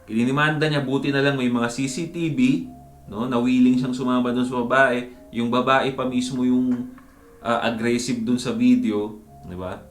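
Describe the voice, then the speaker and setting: A chatty man gives casual dating advice, mixing English into his speech and often tossing in tag questions and buddy talk. His voice sits at an ordinary middle pitch. The room adds a roomy echo, and soft music plays underneath. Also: steady tone, normal speed.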